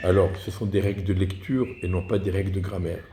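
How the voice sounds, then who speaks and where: A man explaining reading rules in a deliberate lesson, often restarting his words. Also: low voice, level tone, background noise. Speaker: Torah reading teacher. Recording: echoey room.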